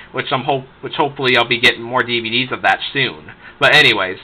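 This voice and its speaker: Bright-voiced man ranting with restarts. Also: mid-range voice, rough recording. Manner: rambling, many restarts, swears and laughs while ranting. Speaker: reviewer counting down shows. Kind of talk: unscripted ranting review.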